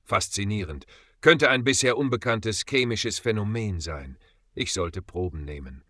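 A man's voice: lowish voice, expressive, measured pace, sharp tone, dry recording, heavily acted. A man voicing an obsessive bookish mercenary. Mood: absorbed. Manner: muttering, absorbed.

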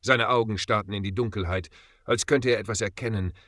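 A man narrating a dark adventure story with dramatic emphasis. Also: on the low side, steady tone, fairly quick, no echo, clean studio sound. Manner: dramatic, rising and falling emphasis.

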